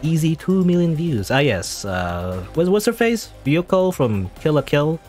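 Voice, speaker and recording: A gaming channel host gives chatty, rambling let's play commentary, often correcting himself mid-sentence. His fairly high voice has a darkish tone and is very animated, though his pace is a little slow. Soft music plays in the background.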